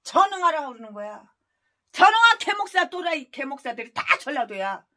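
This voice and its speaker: Woman pastor, sermon, very high and sharp-toned, harsh scolding delivery full of rhetorical jabs. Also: big pitch swings, a little fast. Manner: scolding, crude insults and rhetorical questions. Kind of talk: expository sermon.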